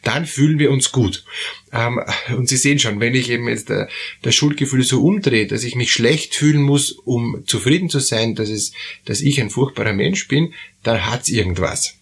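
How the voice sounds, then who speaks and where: A man with an Austrian German accent talks through a topic at an even, middling pitch. His voice is husky and a little breathy. He restarts phrases often and checks in with little questioning tags. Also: moderate pace. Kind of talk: explanatory talk to camera.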